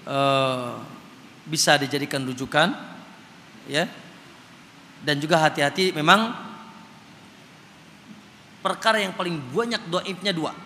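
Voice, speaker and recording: A religious teacher gives a Quran study lecture, addressing his audience as Pak and chanting examples of recitation. His voice is slightly high, bright and forceful, delivered slowly with frequent pauses. The hall adds reverb, and there is a faint noise underneath.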